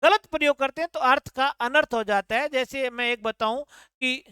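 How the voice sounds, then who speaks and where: A woman's voice: high voice, normal speed, fairly bright tone, clear, resonant tone, no echo, clean studio sound. A woman exam tutor working through answer-key questions, explaining each one and repeating answers back as questions.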